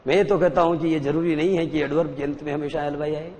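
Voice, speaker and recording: A male teacher giving a classroom lecture, explaining slowly and repeating each point for his pupils. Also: a little high, steady tone, a little mellow, in a large hall.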